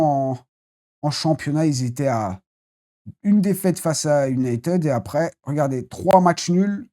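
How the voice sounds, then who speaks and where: A football channel host giving a casual, rambling live debrief after a match, blunt and quick to swear. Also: medium pitch, mellow.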